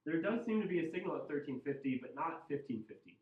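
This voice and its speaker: A man's voice: a little high, expressive, fast talker. A man with a Midwestern American accent teaching a chemistry class, conversational and joking, asking the students questions. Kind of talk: classroom lecture. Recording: roomy, distant and dull classroom sound.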